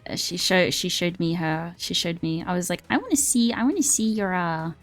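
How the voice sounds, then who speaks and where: A young woman streaming a card game, chatting casually and excitably, swearing freely and sliding into a valley girl voice. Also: lowish voice, normal speed. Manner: excitable and profane, drifts into a put-on valley girl voice. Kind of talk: casual live-stream gaming chat. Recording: faint music behind.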